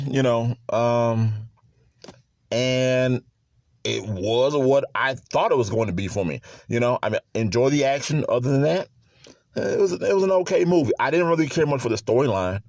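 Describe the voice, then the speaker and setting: A man's voice: medium pitch, darkish tone, no room sound, clean studio sound. A man hosting his own sports podcast in a casual solo chat, easygoing and prone to chuckles and repeated words.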